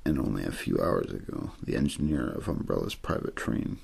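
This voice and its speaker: This ASMR-channel reader narrates a story aloud in a soft, measured manner, pausing frequently. His breathy, gravelly voice rumbles low and swings widely in pitch.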